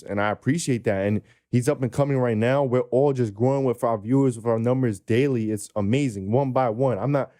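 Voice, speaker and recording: A man in his twenties hosting a podcast, talking in a relaxed, earnest way with slang. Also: mid-range voice. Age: 20s. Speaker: podcast host. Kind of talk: casual podcast chat.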